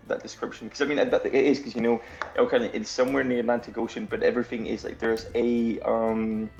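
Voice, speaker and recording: A Scottish man with a gravelly, creaky voice, talking as a guest in a loose, rambling way. His pitch sits in the middle range, and faint music plays underneath. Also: a little mellow, dull audio. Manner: rambling, many fillers and restarts, laughs easily. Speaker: game developer guest. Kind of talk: casual chat.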